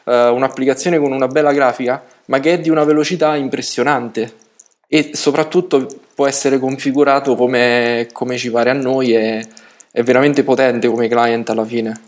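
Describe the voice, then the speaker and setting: A man's voice: medium pitch, fairly even intonation, moderate pace. A man talking casually on a tech podcast, hesitant, with frequent restarts and fillers. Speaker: podcast guest.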